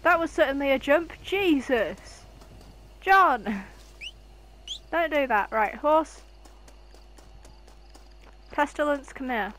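A young woman giving excitable, casual gameplay commentary, full of swearing and jumpy yelps. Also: sits high, unhurried, long pauses. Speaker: gaming channel host.

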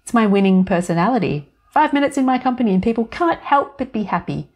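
A woman's voice: on the high side, very animated, quick pace, voice pushed up. A woman voicing a bubbly, cheerful young woman with a breezy, playful way of talking. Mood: perky. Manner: bright, playful, chirpy.

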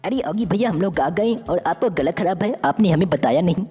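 A woman's voice: lowish voice, moderate pace, husky. A woman voicing a cheerful, jokey young male sidekick in a fan-made game story. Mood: playful. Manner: jokey, excited, teasing. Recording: reverberant with faint music.

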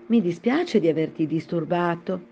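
A woman's voice: on the low side, normal speed, dark tone, muffled recording, soft background music, natural voice. A woman voicing an earnest, polite young girl in a storybook reading. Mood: protesting. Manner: earnest, a little unsure.

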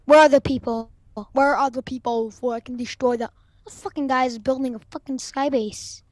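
A high-pitched woman on a computer mic, firing off excitable, foul-mouthed gameplay commentary. Her voice sits bone dry and close, with no room around it. She trash-talks rivals nonstop while she plays. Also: normal speed, dry recording. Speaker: gaming channel host.

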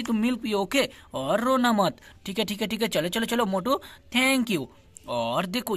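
A man hosting a toy channel, narrating his toy play for children with excited, repeated exclamations. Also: extremely high pitch, slight background noise.

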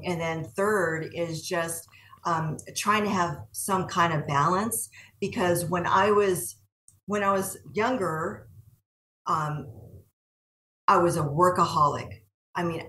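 A woman's voice: on the low side, bright, forceful tone, a little hiss or hum. A woman answering interview questions in an earnest way, often repeating words as she searches for them. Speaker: guest entrepreneur. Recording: echoey room heard from a distance.

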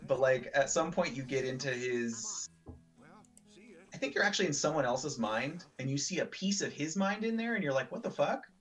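A man's voice: medium pitch, animated, normal speed, fairly bright tone, faint music behind. A man giving casual, rambling commentary over a video game, full of fillers and the odd swear. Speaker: let's play commentator. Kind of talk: casual gameplay chat.

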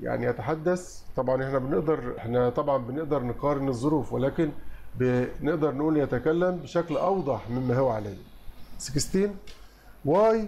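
A man with an Egyptian Arabic accent, an English teacher explaining multiple-choice answers. He reads English sentences slowly and explains them quickly in Arabic. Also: mid-range voice, vocal fry, mellow.

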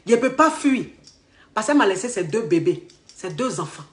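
A woman telling her life story in casual, animated speech, quoting the people she met. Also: mid-range voice, moderate pace. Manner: animated retelling with acted quotes. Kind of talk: personal storytelling. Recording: echoey room.

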